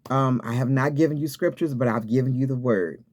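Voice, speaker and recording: His voice is medium in pitch, a bit mellow, and brisk as he preaches informally into the camera. He keeps urging listeners on, repeating points, starting over, and asking "okay?" throughout.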